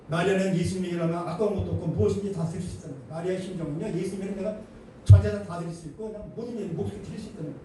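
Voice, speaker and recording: A male pastor preaching an animated, emphatic sermon with colloquial humor in a church. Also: high-pitched. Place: church sanctuary. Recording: echoey hall, distant mic, faint noise.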